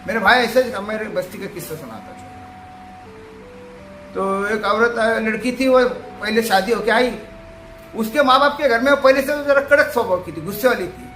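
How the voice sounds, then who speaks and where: Male commentator, high-pitched voice, emphatic moralizing storyteller, echoey room. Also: moderate pace, fairly bright tone, soft background music. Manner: emphatic, preachy, storytelling with acted quotes. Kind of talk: casual moralizing monologue.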